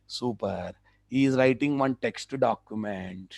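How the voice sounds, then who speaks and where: A Telugu-accented Indian man leads a live software training session, repeating key phrases and checking in with the class. He speaks unhurriedly in a mid-range voice with vocal fry, and the recording is dry.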